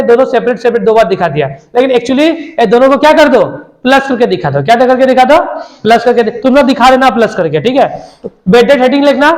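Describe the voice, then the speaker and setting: A man tutoring an accounts class, quizzing students and repeating the figures aloud. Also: very high-pitched. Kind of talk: classroom lesson. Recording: echoey room.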